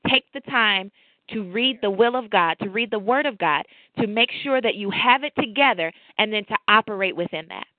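A woman co-hosting a faith talk show, telling a lively personal story and drawing a lesson from scripture. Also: mid-range voice, dry recording. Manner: storytelling, animated, preachy asides. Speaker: podcast co-host. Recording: tinny phone-like line, dry.

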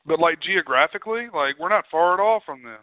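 A man's voice: on the high side, animated, fairly quick, no echo. A man trading crude, profane jokes with a friend on a podcast. His voice sits in an ordinary middle range and comes through a narrow, tinny, phone-like channel. The room sounds dead and dry. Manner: joking, profane, laughs often. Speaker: podcast co-host. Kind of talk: crude casual banter.

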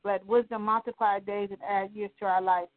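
A woman's voice: mid-range voice, little pitch movement, brisk. A woman leading a congregational prayer, speaking in fervent, rhythmic repeated declarations. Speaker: prayer leader. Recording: tinny phone-line sound.

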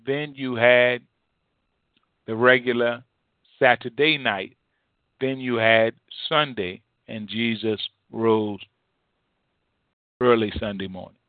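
Slow preaching man on phone-like audio. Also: medium pitch, steady tone, no echo. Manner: deliberate, halting phrasing with emphatic repetition; directly exhorts listeners. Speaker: preacher addressed as apostle. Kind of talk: sermon, Bible teaching. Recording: thin phone-like band-limited audio.

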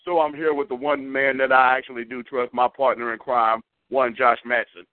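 A man's voice: mid-range voice, flat delivery, normal speed, no room sound, phone-quality sound. A man hosting a sports podcast with a showy, playful announcer delivery, as in a hyped radio-show opener. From US West Coast.

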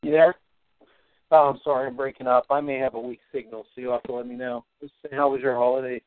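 A man's voice: mid-range voice, flat delivery, fast talker, no echo. A man hosting a casual chat over the phone, his voice cutting in and out on a weak signal as he asks easy, friendly questions. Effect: breaking-up phone connection, weak signal. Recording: tinny, dry phone line.

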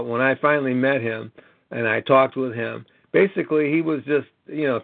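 Over a thin, tinny phone line, an American man in his late sixties joins a conference call, his medium-pitched voice showing vocal fry with no echo. He rambles earnestly and repeatedly seeks agreement with an emphatic "okay?"

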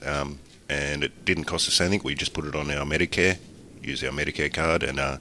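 A man's voice: very deep voice, steady tone, fairly quick, bright, forceful tone. An Australian man hosting a casual podcast, sounding congested and slightly crackly from a cold and sore throat. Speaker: podcast host.

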